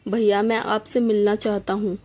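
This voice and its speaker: A woman reading a storybook aloud, voicing an earnest young man who gently pleads with his older brother. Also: medium pitch, level tone, moderate pace, lightly acted.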